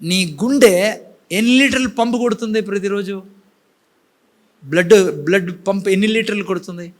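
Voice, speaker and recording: A pastor preaching in church in a lively sermon style, firing questions at the congregation and mixing in words. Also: male voice, sits high, moderate pace.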